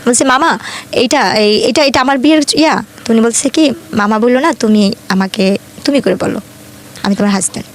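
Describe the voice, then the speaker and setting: A young Bangladeshi-accented woman, brisk and fairly high-pitched, gives a detailed conversational account of her own life. Quoted dialogue comes up again and again in her retelling.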